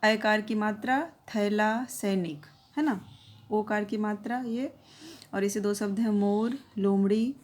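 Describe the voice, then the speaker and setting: A woman's voice: medium pitch, measured pace, darkish tone. Patient woman teaching young children. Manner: patient, checks in often with tag phrases. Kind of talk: explaining a grammar lesson for young children.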